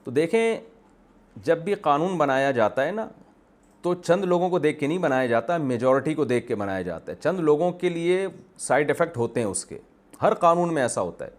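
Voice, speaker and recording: A man giving a religious lecture as an Islamic scholar, emphatic and argumentative, repeating phrases for stress. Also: fairly high pitch.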